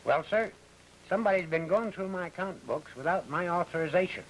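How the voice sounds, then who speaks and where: An actor playing a blunt, suspicious, fussy store bookkeeper in a 1950s drama, grumbling in folksy, ungrammatical talk. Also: male voice, sits high, expressive, fairly quick, fairly bright tone, slight background noise, rough recording. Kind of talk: 1950s TV drama character acting.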